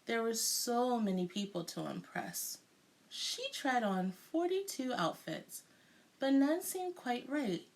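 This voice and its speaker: A woman narrates a children's picture book in a read-aloud style. Her delivery is slow and very animated in pitch, like a teacher telling a story. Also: rough recording.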